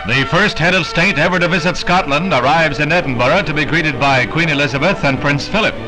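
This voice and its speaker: An American man narrates a scripted 1960s newsreel in a polished, declamatory announcer style, his voice a little high and brisk. The audio quality is poor, and prominent music plays in the background.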